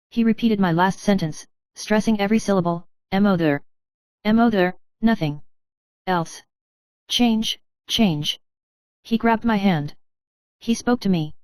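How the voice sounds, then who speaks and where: A woman reads a first-person tale aloud at an even, measured pace. Her voice is smooth and clear, with a mid-range pitch. The recording is dry and close. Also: no echo. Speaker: narrator. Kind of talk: scripted first-person story narration.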